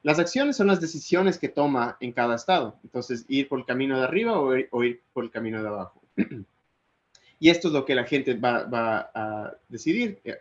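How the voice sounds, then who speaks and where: Guy from ecuador teaching over a video call, lots of ehs and restarts, kinda muffled audio. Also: mid-range voice. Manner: hesitant, many fillers and restarts. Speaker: lecturer. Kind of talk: online technical lecture.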